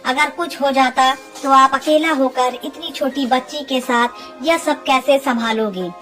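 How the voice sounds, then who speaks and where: A man's voice: extremely high pitch, steady tone, a little slow, soft background music, full character voice. A woman voicing a kind young rickshaw driver. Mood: reassuring. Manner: gentle, reassuring.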